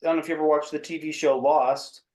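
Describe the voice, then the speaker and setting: A man hosting a podcast, relaxed and quick to react with laughs and agreement. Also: on the high side. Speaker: podcast host. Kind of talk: casual chat. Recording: echoey room.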